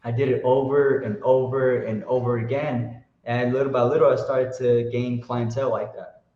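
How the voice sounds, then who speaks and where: Animated slangy man in a roomy recording. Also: medium pitch, moderate pace. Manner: animated, slangy, lots of fillers. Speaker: guest artist. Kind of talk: casual storytelling interview. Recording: roomy, dull lo-fi sound.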